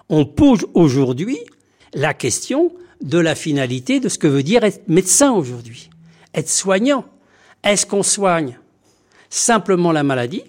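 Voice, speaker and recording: A doctor, a man, speaks in a somewhat high register for his sex, earnest and emphatic. He pauses and hesitates often as he lays out his thoughts in an interview. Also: a little mellow. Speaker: doctor and community health activist. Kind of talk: documentary interview testimony.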